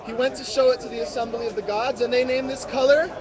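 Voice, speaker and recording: Telling a story interactively to a live audience, a man with an extremely high pitch speaks quickly in a steady tone and invites listeners to supply missing words. It's an outdoor mobile livestream, with music, crowd chatter, and street noise around him.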